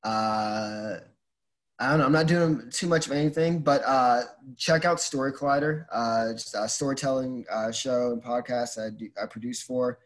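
Male podcast guest, mid-range pitch, conversational, loose, hesitant phrasing. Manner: halting, thinking aloud, informal. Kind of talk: casual chat.

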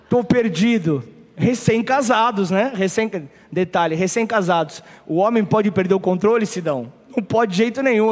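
A man's voice: very high voice, big-room sound. A man with a Brazilian Portuguese accent, a pastor telling a funny story in a sermon. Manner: humorous animated storytelling.

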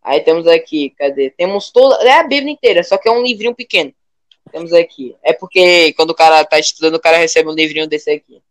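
A young man with a Brazilian Portuguese accent, chatting casually in a rambling, animated way full of slang. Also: fairly high pitch, fast, no echo.

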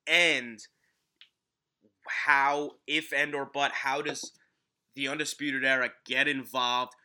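A man with a very bright, tense-edged voice at a medium pitch. He hosts a casual sports podcast from a basement at home. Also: flat delivery, takes it slowly. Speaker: podcast host. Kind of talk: casual sports podcast chat about wrestling.

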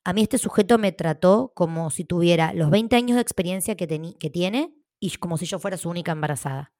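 Argentine woman, podcast co-host, frank and lively storyteller, slightly low voice, dry close mic. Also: brisk, no echo. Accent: Argentine Spanish. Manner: animated, frank, swears casually. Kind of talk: casual storytelling chat.

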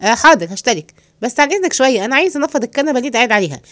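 Woman doing a jumpy egyptian servant guy, high pleading voice, very lively. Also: rapid-fire, no echo, studio quality. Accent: Egyptian Arabic. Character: jittery excitable young male servant.

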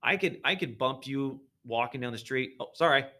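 A man's voice: mid-range voice, expressive, normal speed, bright, forceful tone. A man guesting on a podcast, talking earnestly about faith in a preachy way with many restarts.

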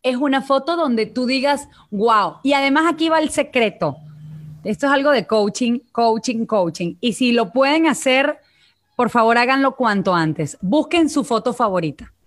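Woman from venezuela coaching on voice, kinda high voice, talks right to the viewers. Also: animated, normal speed. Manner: coaching tone, addresses listeners directly. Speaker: vocal coach guest. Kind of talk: live online interview.

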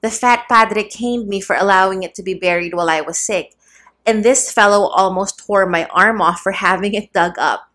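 A woman's voice: mid-range voice, normal speed, a bit bright, lightly acted. Storybook figure: sly, offhand male gravedigger, half-joking in manner, read by a woman. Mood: grumbling.

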